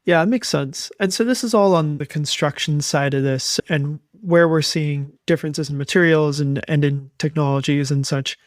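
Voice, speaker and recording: A man's voice: fairly high pitch, moderate pace, hardly any pauses, no room sound, clean studio sound. A man hosting a podcast, asking long conversational questions that he builds up as he goes. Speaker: podcast host. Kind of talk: interview questions.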